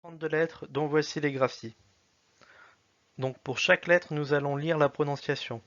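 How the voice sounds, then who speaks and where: A man teaching a language lesson, slowly and carefully sounding out letters and words one by one. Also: a little high, fairly even intonation, fairly bright tone, no room sound, lo-fi sound. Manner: slow, careful and deliberate, spelling out sounds one by one. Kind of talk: slow spoken lesson.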